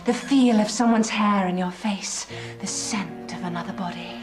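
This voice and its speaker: An actress playing a seductive, strangely changed woman in an audio drama, speaking slowly and menacingly. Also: mid-range voice, music in the background, natural voice. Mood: sultry.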